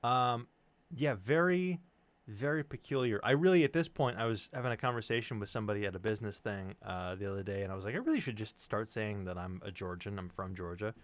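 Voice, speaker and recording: Fast-talking and fairly low-pitched, this American man with a neutral accent, whose roots are in the Chicago suburbs and Tennessee, rambles through personal stories. He's animated and digressive, cracking jokes and dropping the occasional swear word in casual conversation.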